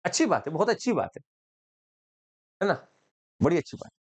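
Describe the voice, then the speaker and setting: A man's voice: fairly high pitch, moderate pace, husky. Chatty, joking male current affairs teacher. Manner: chatty, lively, joking, mixes in English phrases. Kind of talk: lecture.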